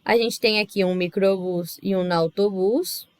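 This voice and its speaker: A woman's voice: medium pitch, steady tone, measured pace, darkish tone, smooth, dry recording. A woman teaching a Spanish class with a Brazilian Portuguese accent, explaining patiently step by step and checking in with her students. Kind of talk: recorded class lesson.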